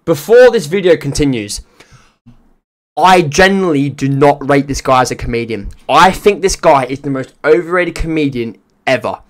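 A man's voice: a little high, normal speed. A man hosting a reaction video, talking casually to his chat, rambling and repeating himself.

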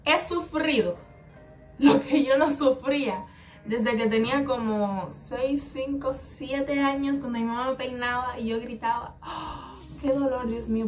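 A Cuban woman telling a hair-salon storytime on her vlog, chatty and rambling, acting out what the stylist said. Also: on the high side. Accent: Cuban Spanish. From Cuba. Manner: chatty, rambling, acts out the other person's replies. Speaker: hair vlogger. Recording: slightly distant mic with faint background music.

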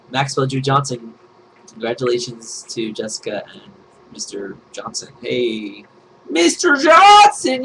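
A man's voice: medium pitch, a bit bright, a little hiss or hum, low-quality recording. A man vlogging in a casual chat about trending topics, joking and rambling, now and then slipping into silly put-on voices.

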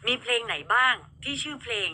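A woman's voice: a little high, fairly quick, bright, forceful tone, slight background noise. A woman hosting a radio show in casual chat, talking straight to her listeners. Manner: chatty, addresses listeners directly.

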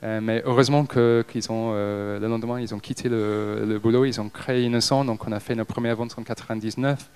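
Standing on stage in an event hall facing a seated audience, a Liverpool company director in his thirties speaks into a handheld microphone. A native English speaker, he hesitates and restarts frequently, his mid-pitched voice smooth, steady and darkish.

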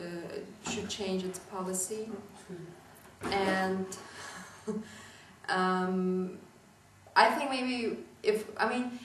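A woman's voice: medium pitch, a little hiss or hum. A young woman from Poland gives a thoughtful, hesitant interview answer in an indoor room. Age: young adult. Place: indoor room with lamp and furniture. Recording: echoey room, distant mic.

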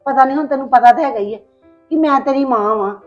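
A middle-aged woman playing a gentle mother who coaxes and comforts her daughter. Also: high-pitched, fast, lightly acted. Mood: tender. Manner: soothing, coaxing. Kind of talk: web drama acting. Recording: dull lo-fi with faint music.

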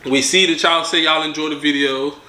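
A man's voice: a little high, fairly even intonation, a little fast, pushed and bright, roomy sound. A young man hosting a casual vlog from a living room sofa, laid-back but hyping up his viewers. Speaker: vlog host.

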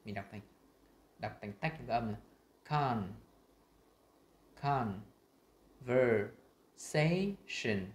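A man with a Vietnamese accent teaching English pronunciation, saying sample words slowly and loudly between his explanations. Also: on the low side, reverberant. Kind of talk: screen-share lesson.

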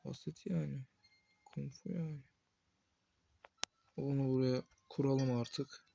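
A young man playing a horror game, talking to himself with excited outbursts and cursing at the game. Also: mid-range voice, takes it slowly, gravelly, breathy edge. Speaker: gameplay streamer. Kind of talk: casual gameplay commentary.

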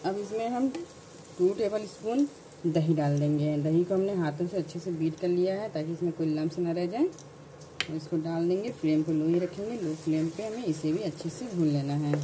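A woman narrating a home cooking tutorial, calmly explaining each step in order. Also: lowish voice, normal speed, noisy background. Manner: calm step-by-step instructions. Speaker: cooking channel host.

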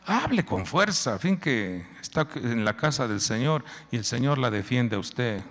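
A male pastor preaching a sermon, animated and quizzing the congregation. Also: mid-range voice, normal speed, big-room sound, a little hiss or hum.

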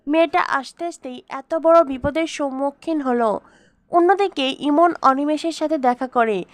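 A woman reading a scripted story recap in an even, steady way. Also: high voice, unhurried, no echo. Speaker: narrator.

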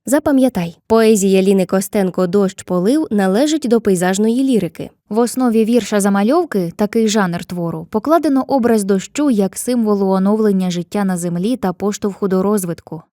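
A woman narrating a scripted literature lesson with clear, measured explanations, slowing down to read poem lines. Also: mid-range voice, warm tone, no echo, clean studio sound. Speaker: teacher.

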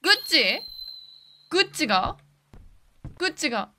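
A woman hosts a gaming video, chatting casually as she plays and getting scared easily, often letting out startled exclamations and repeating words. Her voice sits high and is very animated, pushed and bright, at a moderate pace. There's a little hiss or hum in the recording.

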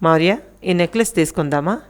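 A woman's voice: fairly low pitch, fairly quick, close to an everyday voice. A woman voicing a hurt young wife. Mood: hesitant. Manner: soft, hesitant.

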